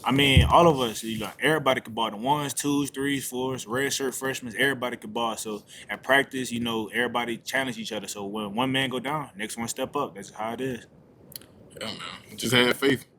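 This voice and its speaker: A young man with a medium-pitched voice gives post-game interview answers as a college football player. His phrases are short, plain and colloquial, with some faint noise behind them. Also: fairly even intonation, brisk, bright, forceful tone. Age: young adult.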